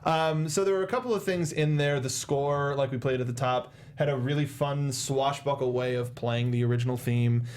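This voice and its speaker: This young co-host of a laid-back film review show has a medium, slightly mellow voice with fairly even intonation, talking at normal speed with hardly any pauses. His humor is playfully sarcastic and mock-dramatic, picked up by a close foam-covered desk mic in a small studio while he wears headphones, with slight background noise.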